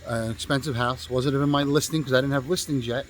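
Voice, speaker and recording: A man's voice: mid-range voice, fairly even intonation, fast talker, a little hiss or hum, rough recording. A male real estate agent telling a story in a casual, rambling way, swearing freely and stopping often to restart with fillers.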